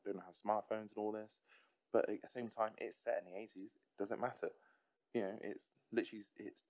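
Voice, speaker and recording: A man's voice: on the low side, a little mellow. A man, rambling enthusiastically through a solo podcast, chuckling and swearing casually. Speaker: podcast host.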